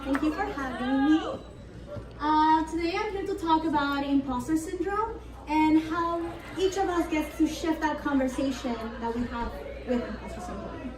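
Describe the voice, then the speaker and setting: A woman's voice: high voice, moderate pace, crowd noise. A young woman from Argentina, a native Spanish speaker, giving an earnest and reflective talk to a conference audience. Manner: earnest and reflective, with light laughs. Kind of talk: prepared motivational talk. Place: conference hall. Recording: roomy hall, voice from a distance.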